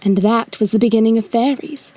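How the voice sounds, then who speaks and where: A woman's voice: a little high, a little fast, dark tone, no room sound, natural voice, rough recording. A woman playing Peter Pan, a boastful, playful young boy, with theatrical, childlike delivery in an audio drama. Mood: wistful, confiding. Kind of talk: audio drama acting, also narrating own stage actions.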